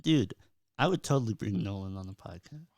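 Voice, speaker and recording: A man's voice: lowish voice, animated, brisk, a little mellow, dry recording. A young man co-hosting a podcast, chatting in an easygoing way and laughing often. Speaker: podcast co-host. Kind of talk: casual chat.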